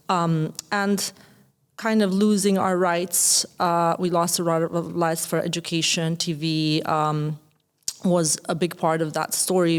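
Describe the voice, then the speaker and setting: A woman in her thirties from Kosovo with an Albanian accent, a podcast guest who speaks thoughtfully and hesitantly, with many fillers. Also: low-pitched. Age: 30s. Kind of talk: reflective interview talk.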